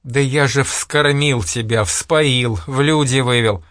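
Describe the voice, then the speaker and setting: A man's voice: mid-range voice, slow pace, fairly bright tone, no echo, studio quality. A man voicing a wailing old peasant beggar. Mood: pleading. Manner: wailing, begging, then gloating.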